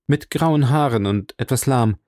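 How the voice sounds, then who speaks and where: A man voicing a shrewd, calm detective who speaks measured and thoughtful. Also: mid-range voice, dry recording, studio quality, lightly acted. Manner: measured, thoughtful, quietly probing.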